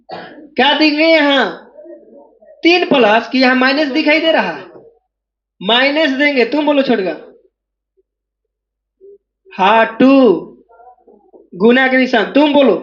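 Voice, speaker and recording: A maths teacher with a strikingly high-pitched voice runs his class, drilling students to call out each step aloud. He sounds like he is in a classroom. The recording is dull and lo-fi. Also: a bit bright. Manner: drills students, asking them again and again to answer aloud. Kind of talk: classroom lecture.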